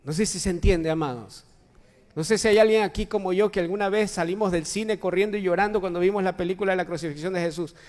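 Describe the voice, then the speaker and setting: A man's voice: sits high, fast talker, darkish tone. A man, a pastor, preaching a sermon in a church, emphatic, with repeated phrases and rhetorical questions. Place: church sanctuary. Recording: long church-hall reverb.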